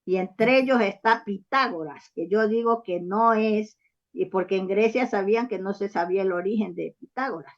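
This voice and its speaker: A woman's voice: mid-range voice, normal speed. A woman author giving long, rambling interview answers, full of false starts and check-ins with the listener. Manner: rambling, often checks in with "¿sabes?" and "¿ah?"; frequent false starts and hesitations. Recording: dull lo-fi recording.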